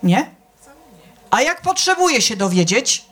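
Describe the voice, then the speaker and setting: Chatty woman preaching, higher voice. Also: big pitch swings, slow, a bit bright, husky. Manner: conversational, keeps checking with the audience; acts out quoted people with shifts in voice. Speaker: church speaker. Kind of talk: informal sermon to a congregation.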